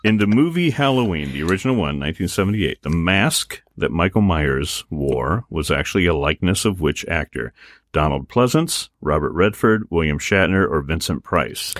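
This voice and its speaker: A man's voice: moderate pace, no room sound, studio quality. A man hosting a Halloween trivia quiz on a show, in casual banter with frequent laughter. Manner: animated, laughs often, deep voice. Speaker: quiz host.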